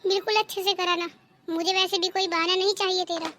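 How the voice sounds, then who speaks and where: A woman's voice: very high voice, little pitch movement, fast, pushed and bright, slight background noise, pitched below the performer's own voice. A woman voicing an older mother-in-law in a cartoon, who can sound stern but is mostly affectionate toward her daughter-in-law. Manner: scolding, then affectionate.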